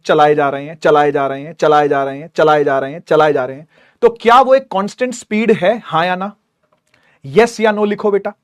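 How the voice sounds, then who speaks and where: An energetic young man teaches a lecture to students he cannot see. His voice sits high for a man. He drills points by repeating them and keeps throwing questions at the class. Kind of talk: online lecture.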